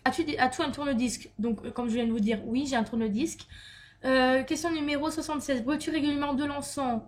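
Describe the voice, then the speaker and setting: A woman's voice: high voice, fairly even intonation, quick pace. A young woman from France chatting through a vlog question list, with many fillers and restarts. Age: young adult. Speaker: beauty vlogger. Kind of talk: casual Q&A tag vlog.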